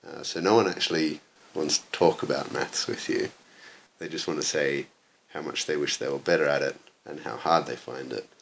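Very deep-voiced young man, dry humor. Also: steady tone, moderate pace, vocal fry, fairly bright tone, a little hiss or hum. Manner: dry, self-deprecating, chuckling. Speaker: interviewee, university maths student. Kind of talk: casual conversation.

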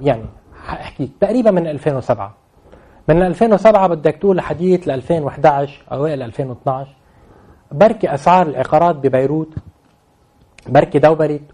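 A man's voice: on the high side, warm tone. A man with a Lebanese Levantine Arabic accent explaining things off the cuff as an interview guest, emphatically repeating phrases to stress his points. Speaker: interview guest commenting on real estate.

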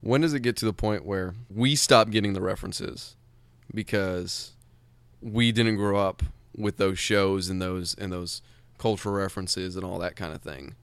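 A man's voice: low voice, steady tone, normal speed, clean tone, dry recording. A man co-hosting a podcast, chatting in a laid-back, rambling way and swearing casually. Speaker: podcast co-host. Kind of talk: casual chat.

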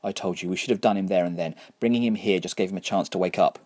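A man's voice: deep voice, fast, darkish tone, no echo. A man reading the lines of a tired, grumbling older man. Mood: weary. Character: weary, gruff older man.

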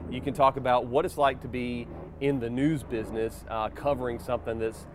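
A man's voice: medium pitch, fairly even intonation, brisk, background noise. A man hosting a casual interview show, recorded outdoors in a backyard.

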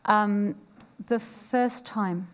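A woman's voice: mid-range voice, extremely slow. A woman in her fifties from New Zealand, giving a frank, playful personal storytelling talk on stage and joking with a live audience. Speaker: speaker at a live event.

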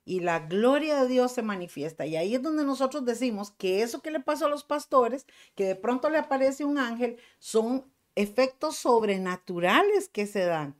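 A woman's voice: fairly high pitch, expressive, normal speed, hardly any pauses. A middle-aged woman pastor with a Costa Rican accent, preaching a fervent sermon to her congregation. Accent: Costa Rican Spanish. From Costa Rica.

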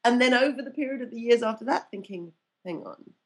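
A woman's voice: fairly high pitch, fast talker. A woman speaking as a podcast guest and coach, chatting casually, laughing easily and acting out remembered quotes with changed voices. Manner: laughs easily, self-deprecating. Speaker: guest, networking mentor and storytelling coach.

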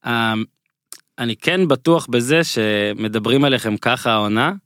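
A man with an Israeli accent hosting a casual sports interview, speaking in an informal, halting, self-deprecating way. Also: medium pitch, lively intonation, a bit bright, no echo, clean studio sound. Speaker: podcast host.

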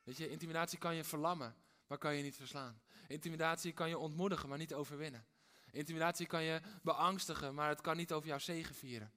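A male pastor preaches with a voice pitched a little above most men's. He moves between quiet, intimate lines and loud, fervent ones, and he hammers his points home with repeated phrases. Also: steady tone, fast talker, few pauses. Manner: dramatic, swings between hushed and loud. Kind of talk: sermon.

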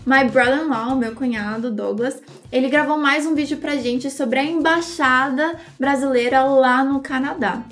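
A Brazilian woman with a Brazilian Portuguese accent hosting an English pronunciation lesson, slowly drawing out model words for students to repeat. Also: high-pitched, steady tone, faint music behind. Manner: slow, drawn-out model words for repetition. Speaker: English teacher and channel host.

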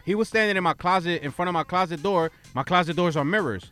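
A man's voice: sits high, fast, bright, forceful tone, clear, resonant tone, faint music behind. A young man chatting on a podcast, telling a story in loose slang and slipping into Spanish. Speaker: podcast co-host. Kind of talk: casual chat.

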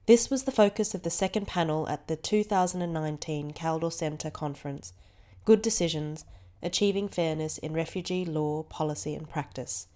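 A woman reading scripted narration as a podcast narrator, with a clear, even delivery. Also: deep voice, moderate pace.

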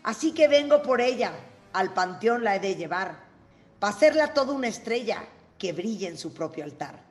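A woman hosting a radio show, reading humorous verse and bantering briskly with her co-host. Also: medium pitch. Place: radio studio.

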